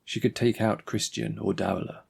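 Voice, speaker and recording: Man, author-narrator, scripted audiobook narration, measured, husky voice. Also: lowish voice, fairly even intonation, a little mellow.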